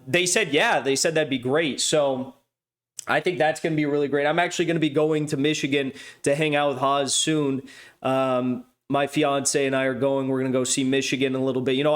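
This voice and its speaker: A man's voice: fairly high pitch, a bit bright. A man hosting a livestream news show, talking off the cuff in a rambling, sardonic way with mocking asides. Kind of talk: casual off-the-cuff monologue.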